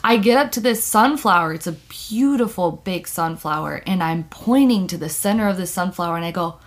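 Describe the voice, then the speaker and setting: A woman's voice: on the low side, fairly quick. Young woman chatting casually on a podcast. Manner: informal, expressive storytelling with swearing. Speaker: podcast co-host. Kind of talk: casual podcast chat and storytelling.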